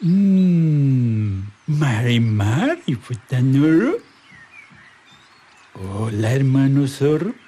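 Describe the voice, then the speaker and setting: A storyteller voicing a scheming old female ibis bird, talking in a low, coaxing way. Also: big pitch swings, extremely slow, pauses often, mellow, slightly rough, heavily acted.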